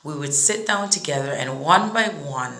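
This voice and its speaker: Gravelly bright voice from Saint Martin. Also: mid-range voice, expressive, normal speed. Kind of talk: reflective memory. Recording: echoey room.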